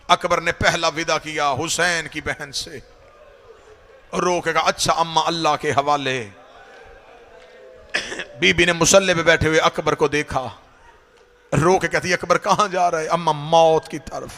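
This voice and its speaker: A man reciting a mourning sermon in a high, tense voice with a gravelly edge. His storytelling is wailing and impassioned, and it keeps climbing toward cries. He is a cleric addressing a mourning gathering. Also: pushed and bright. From Pakistan.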